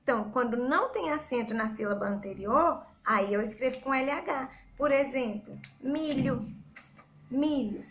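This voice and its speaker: Patient Brazilian woman teacher, fairly high. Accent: Brazilian Portuguese. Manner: patient, repeats words slowly to explain spelling. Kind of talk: recorded school lesson.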